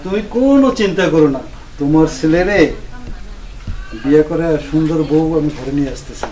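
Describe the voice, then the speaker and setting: A man's voice: a little high, animated, a little fast, dark tone, recorded from a distance, lightly acted, rough recording. An actor playing a commanding village father who brings home his son's bride, in a rural folk drama. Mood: reassuring. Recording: music behind the voice.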